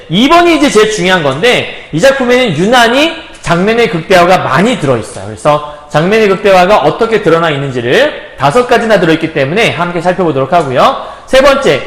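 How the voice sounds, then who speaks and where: Lively, high-voiced male literature teacher. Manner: acts out characters' lines in a lively voice; explains in plain casual terms, chuckles often. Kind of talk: recorded lecture on a classic novel. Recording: roomy echo.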